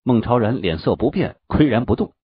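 A man narrating a fantasy novel in an animated storytelling way. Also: medium pitch, a little fast, husky, dry recording. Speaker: audiobook narrator. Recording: dull, dry lo-fi audio.

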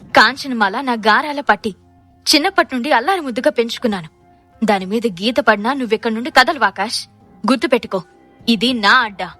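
A boastful, hot-tempered man, acted by a woman narrator in an audio drama. He shouts threats at full volume in a somewhat raised voice. Dry recording with faint music behind. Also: on the high side, fairly quick, no room sound. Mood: raging. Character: hot-headed man, protective older brother, loud and boastful.

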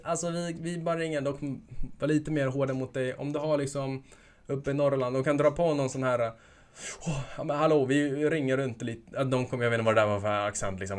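A young man coaching online shop owners in a casual, energetic way. He hypes up his points and drops playful asides, in a voice of middling pitch. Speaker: e-commerce coach. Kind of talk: casual instructional video.

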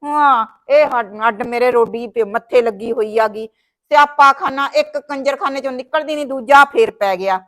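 A woman's voice: sits high, normal speed, fairly bright tone. A woman playing a fretful, wailing Punjabi sister-in-law. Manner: dramatic wailing, scolding. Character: fretful sister-in-law caring for her brother's wife. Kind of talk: village short-film acting.

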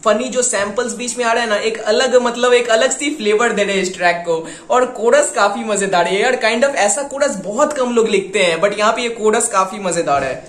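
A man hosting a music reaction video, talking with excitement and mixing Hindi with English slang. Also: sits high, fairly quick, few pauses, reverberant. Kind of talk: casual reaction commentary.

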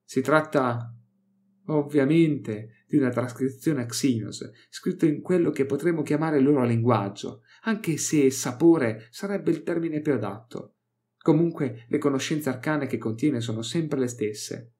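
A man's voice: mid-range voice, unhurried, a little mellow, voice pushed up, lightly acted. A man voicing a gleeful, scheming male scholar of alien lore, mocking and triumphant in a theatrical way.

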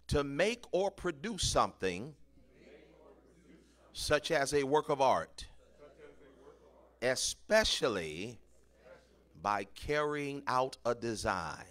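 A man preaching a sermon as pastor, leading the congregation in call-and-response and building to shouted peaks. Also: medium pitch.

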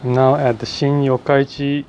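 A young man filming a casual travel vlog outdoors with a phone camera at arm's length, talking in a relaxed way with filler ums. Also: medium pitch, moderate pace, lo-fi sound, background noise. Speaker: vlogger. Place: outdoors on town streets and at stations.

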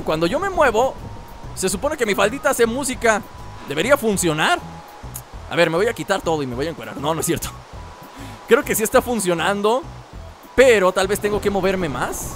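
A man with a Mexican accent chats through a video game in a high voice that swings all over the place. He jokes with his viewers as he plays, and game music runs behind him. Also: sing-song, moderate pace, long pauses. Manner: playful, jokey, talks to viewers while playing. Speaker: gameplay commentator. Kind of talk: casual gaming commentary.

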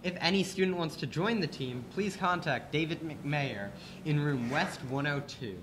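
A man's voice: on the high side, lively intonation, moderate pace, noisy background. A teenage boy anchoring scripted school announcements, with a playful, joking delivery. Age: teens.

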